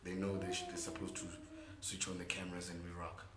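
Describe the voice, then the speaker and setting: A young South African content creator and musician is the guest in a casual interview chat, his low voice hoarse from gigs the day before. He talks fast with huge swings in pitch. The room is echoey, with faint background noise.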